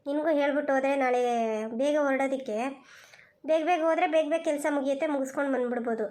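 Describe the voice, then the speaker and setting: A woman voicing a friendly, practical village neighbour in a cartoon, who talks briskly. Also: high voice, fairly even intonation, darkish tone, close to an everyday voice. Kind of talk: cartoon voice acting.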